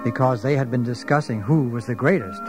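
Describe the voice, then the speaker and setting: A man's voice: mid-range voice, fairly quick, music in the background. A man reading scripted Bible story narration as the narrator of a drama.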